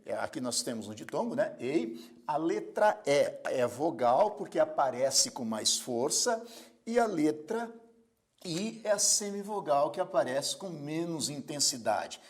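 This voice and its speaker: Male grammar teacher, fairly high voice, lively up-and-down delivery, patient explainer. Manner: slow, explanatory, repeats key terms and asks rhetorical questions; corrects slips aloud. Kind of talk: recorded classroom lesson.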